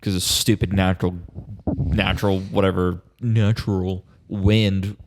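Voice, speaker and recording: A man's voice: low voice, level tone, unhurried, darkish tone, slight background noise. A young man with a Texan accent, co-hosting a podcast in casual chat, rambling and joking with silly impressions. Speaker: podcast co-host.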